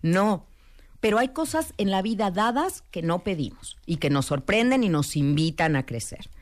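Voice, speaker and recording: Animated Mexican woman guest on talk radio. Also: medium pitch, moderate pace. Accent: Mexican Spanish. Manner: animated, storytelling, addresses listeners directly. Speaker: guest expert. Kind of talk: radio talk show discussion.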